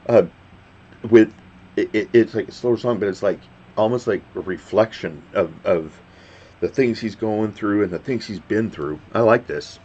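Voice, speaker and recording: Deep-voiced man, halting commentary. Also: darkish tone, husky. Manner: rambling, halting, stops to restart sentences. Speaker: reaction video host. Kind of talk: casual reaction commentary. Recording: dull lo-fi sound with faint background noise.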